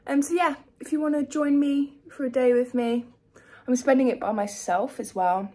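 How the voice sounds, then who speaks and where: A woman's voice: high voice, moderate pace, darkish tone. A young woman in her twenties with a British accent, chatting casually through her day as a vlogger and personal trainer, rambling and self-deprecating, recorded on a phone propped up at home and at the gym. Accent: British English. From United Kingdom. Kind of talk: casual day-in-the-life vlog. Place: home rooms, then a gym. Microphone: phone camera propped nearby.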